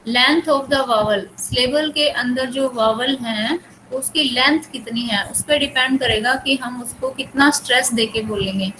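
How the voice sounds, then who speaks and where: A young Indian woman, a native Hindi speaker, teaching an English class with an Indian accent. She reads English passages slowly and then explains them. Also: high voice, bright, forceful tone, a little hiss or hum, low-quality recording. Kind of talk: bilingual classroom lecture.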